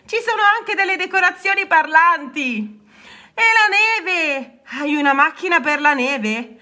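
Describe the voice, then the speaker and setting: Storybook frog, little excited boy as a woman reads him, high and bright, squealing. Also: moderate pace. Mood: thrilled. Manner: squealing, bubbly.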